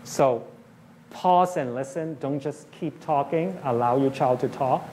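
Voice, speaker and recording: A man giving a university talk, speaking at a middle pitch and laying out ideas plainly. He keeps pausing to ask "okay?", and he slows to a deliberate pace as he walks through a list. A faint noise sits under the lecture-hall microphone. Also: dark tone. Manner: explains plainly, often checks in with "okay?". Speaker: professor giving a public lecture.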